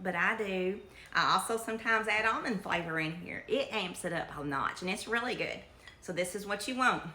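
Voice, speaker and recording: Middle-aged kentucky accent lady doing a chatty cooking demo, bright voice, echoey kitchen. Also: mid-range voice. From Kentucky, United States. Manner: folksy, chatty, homespun phrasing. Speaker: home cook presenting a recipe. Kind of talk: casual cooking demonstration, chatty. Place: home kitchen, indoors. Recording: echoey room with faint noise.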